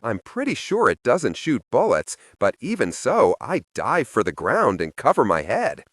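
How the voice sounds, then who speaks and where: A man narrating a first-person audiobook in a wry, expressive storytelling manner, close to the microphone. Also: medium pitch, unhurried, breathy edge, dry recording.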